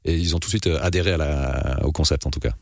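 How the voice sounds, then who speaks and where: A radio host talks quickly in a very low voice, and fillers and small stumbles break up his questions. He is heard close on a dry studio microphone. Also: gravelly, darkish tone, dry recording. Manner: hesitant, many fillers. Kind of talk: radio interview.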